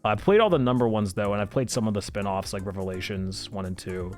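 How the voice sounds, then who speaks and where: A man's voice: lowish voice, quick pace, soft background music. A man livestreaming casual, enthusiastic commentary as a streamer, swearing freely and often talking through laughter.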